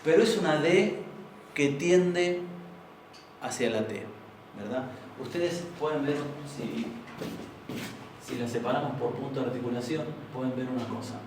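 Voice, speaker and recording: A man's voice: mid-range voice, unhurried, pauses often, far from the mic, background noise. A young man with an Argentine accent teaching an informal university class, explaining patiently and often checking with students. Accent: Argentine Spanish. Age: young adult. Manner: explanatory, asks the class for agreement. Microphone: far room microphone. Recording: very echoey room recorded from afar.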